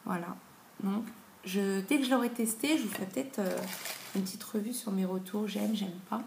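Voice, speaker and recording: A woman's voice: mid-range voice, moderate pace, vocal fry, a little mellow. Chatty woman reviewing beauty boxes. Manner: chatty, with many fillers. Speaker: beauty vlogger. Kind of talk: casual product review. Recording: echoey room with faint noise.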